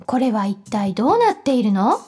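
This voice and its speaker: A woman's voice: fairly high pitch, sing-song, a little fast, darkish tone, breathy edge, soft background music. Give me a woman doing a strict mother voice, firm and instructive. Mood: stern. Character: stern but caring mother of five.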